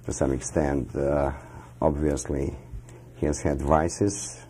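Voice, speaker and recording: A man in his fifties with a Croatian accent, answering questions as a guest in a television studio interview, speaking in a measured, halting way with many pauses and fillers. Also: a bass voice, fairly even intonation, mellow, a little hiss or hum.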